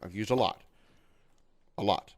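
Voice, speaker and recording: Gravelly and on the low side, this game streamer in his thirties talks a little slowly as he chats casually with livestream viewers. His talk is rambling and repetitive, full of stumbles, and glumly self-deprecating.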